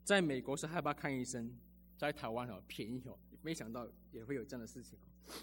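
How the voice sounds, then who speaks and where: A man's voice: medium pitch, fairly quick, a bit bright, a little hiss or hum. A man preaching a sermon as a pastor, telling personal stories in a chatty way with lots of sentence-final particles.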